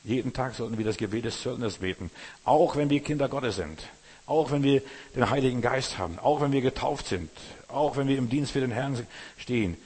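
Brisk and husky, with a medium pitch and darkish tone, a man delivers an earnest, exhorting German sermon straight to his listeners. The hall is reverberant.

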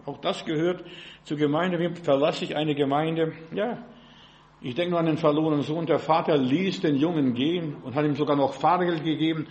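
A man's voice: on the high side, darkish tone. An older man preaching as a pastor, emphatic and peppered with rhetorical questions to his listeners. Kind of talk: sermon.

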